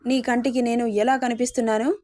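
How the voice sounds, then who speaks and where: Storybook role: a wounded young wife, read by a woman, high-ish mellow voice. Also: level tone, brisk, close to an everyday voice. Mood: hurt. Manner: pleading, hurt. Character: young wife, heartbroken and regretful.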